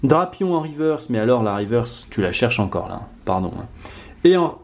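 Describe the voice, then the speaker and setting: A man chatting casually to camera while opening card packs at home. His voice sits at a middling pitch, and he talks in an animated way, muttering under his breath one moment and exclaiming loudly the next. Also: moderate pace, gravelly, dull audio. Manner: animated, excitable, swings from muttering to loud exclamations. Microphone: camera mic on tripod.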